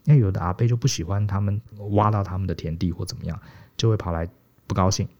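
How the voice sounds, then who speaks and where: A middle-aged man from Taiwan telling stories casually as a podcast co-host, animated and chuckling. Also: deep voice, fast talker. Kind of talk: casual storytelling. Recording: dull, muffled podcast audio.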